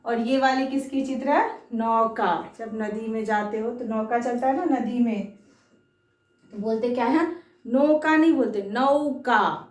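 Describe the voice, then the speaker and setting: A woman's voice: a little high, fairly even intonation, measured pace, darkish tone, reverberant, recorded from a distance. A woman teaching a children's lesson on Hindi vowel signs, patient, stretching syllables out and asking frequent questions.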